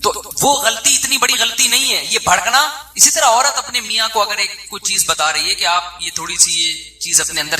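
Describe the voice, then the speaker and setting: A man's voice: high voice, bright, forceful tone, roomy sound. A man giving a conversational religious sermon, posing rhetorical questions and answering them himself. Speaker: religious scholar.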